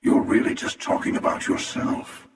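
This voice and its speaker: Lightly acted, the man's gravelly, creaky performance of a menacing, cynical, world-weary interdimensional hunter comes across sardonic and cold. These video game voice lines are slow and taunting, recorded with cavernous reverb so he seems distant.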